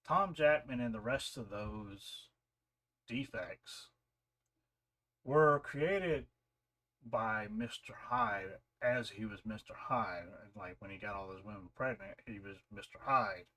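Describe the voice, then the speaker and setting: A man with a fairly low voice talks through a TV episode in a relaxed review. He retells the plot loosely, stumbling over restarts and fillers as he goes. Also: slow pace. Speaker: show reviewer. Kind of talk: casual spoken review.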